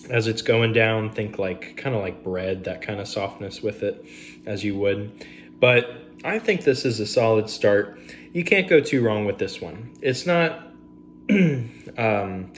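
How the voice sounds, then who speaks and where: A man's voice: fairly low pitch, a little hiss or hum. A man, casually reviewing bourbons on camera at home, rambling with fillers and asides.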